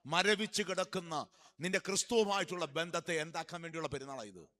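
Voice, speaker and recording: A male priest preaching a sermon, quizzing the congregation with questions he answers himself, swinging between loud emphatic peaks and quiet low asides. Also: fast talker.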